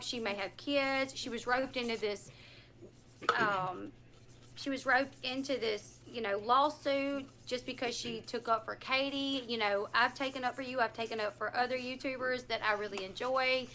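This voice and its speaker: Bright-voiced woman streaming while washing dishes. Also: a little high, fairly even intonation, moderate pace. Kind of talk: casual livestream storytelling. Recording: noisy livestream, dishwashing in the room.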